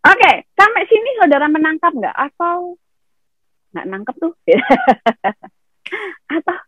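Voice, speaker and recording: Lady pastor preaching online, high voice, dry muffled call sound. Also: expressive, slow, fairly bright tone, dry recording. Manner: preaching with rhetorical questions. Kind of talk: sermon and Q&A hosting.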